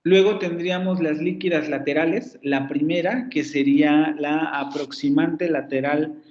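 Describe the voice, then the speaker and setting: A man with a Mexican Spanish accent gives a phonetics lecture in a fairly high voice. He works through the material step by step and says example words slowly and more than once. The sound is roomy and a bit dull, like a lo-fi class recording. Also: fairly even intonation, darkish tone, a little hiss or hum. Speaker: phonetics professor. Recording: echoey, muffled lo-fi class recording.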